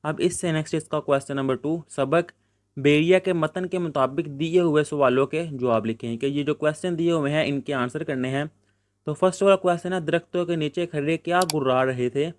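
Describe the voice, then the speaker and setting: A man teaching a school Urdu lesson with a Pakistani Punjabi accent, reading out words and their meanings in a steady dictating rhythm. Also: a little high, no echo. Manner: reads word pairs in a steady dictating rhythm. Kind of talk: Urdu textbook lesson explanation.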